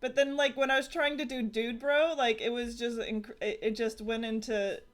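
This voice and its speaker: A woman's voice: fairly high pitch, fairly even intonation, normal speed. A woman hosting and playing in a tabletop game, chatty and rambling, laughing often. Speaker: host and player. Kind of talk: casual chat in a tabletop game stream.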